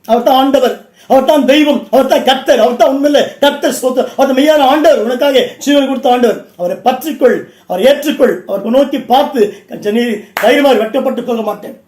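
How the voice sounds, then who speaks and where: A man's voice: very high-pitched, quick pace, a little mellow, echoey room. A man, a bishop, preaching a Pentecostal sermon in a church. He speaks emphatically in short repeated phrases and calls out directly to his listeners.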